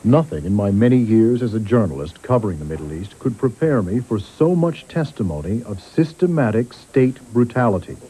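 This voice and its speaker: A man, a journalist, giving measured, grave documentary narration, heard from a worn VHS tape copy. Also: lowish voice, expressive, warm tone, slight background noise, low-quality recording. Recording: faint music underneath, worn tape.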